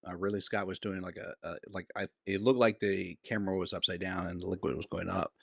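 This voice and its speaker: Low-voiced laid-back male co-host. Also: flat delivery, fast talker, creaky, a bit bright, slightly rough, no echo, clean studio sound. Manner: easygoing, explains facts he looked up. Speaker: podcast co-host. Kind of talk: casual film review chat.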